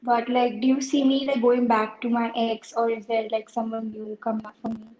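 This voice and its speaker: Higher-voiced woman on a dull, echoey call. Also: level tone, normal speed, darkish tone, a little hiss or hum. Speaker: caller seeking a psychic reading. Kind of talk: casual conversation.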